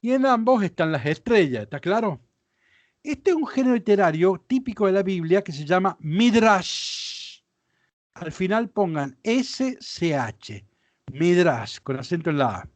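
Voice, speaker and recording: Lively high-voiced male Bible teacher. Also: measured pace, no room sound. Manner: explanatory, checks understanding with questions. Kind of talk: lecture with slides.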